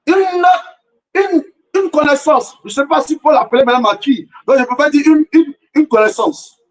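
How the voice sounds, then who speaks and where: A man preaching a sermon as a prophet, shouting repeated rhetorical questions in a half-sung cadence. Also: extremely high pitch, normal speed, recorded from a distance, low-quality recording. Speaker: prophet preaching a morning prayer.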